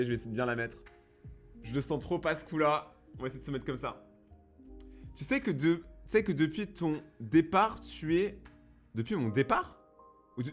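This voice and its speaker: A young man streaming from his own studio, talking casually with his chat in a quick, slangy, lively manner. His voice sits a little higher than most men's. He keeps reading viewers' messages aloud and answering them, with soft music playing behind him. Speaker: streamer and YouTuber.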